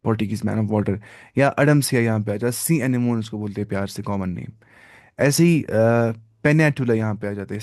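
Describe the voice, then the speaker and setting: Lively man teaching a class. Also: on the low side, creaky, dry recording, clean studio sound. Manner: lively, asks the class questions and answers them himself. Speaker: biology teacher. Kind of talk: live online lesson.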